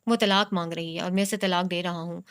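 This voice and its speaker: A woman voicing a cold, calm husband in a storybook. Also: fairly low pitch, clean tone. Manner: calm, curt, unbothered.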